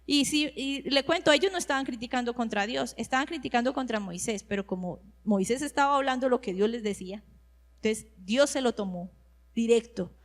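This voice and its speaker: A middle-aged woman, preaching a sermon in a lively storytelling way and acting out the people she quotes. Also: fairly high pitch, fairly quick. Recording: long hall reverb.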